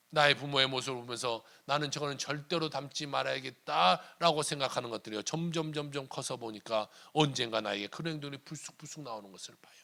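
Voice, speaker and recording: A pastor preaching a Sunday sermon in a church, emphatic and full of rhetorical questions, sometimes sinking to a hush. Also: male voice, medium pitch, gravelly. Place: church sanctuary.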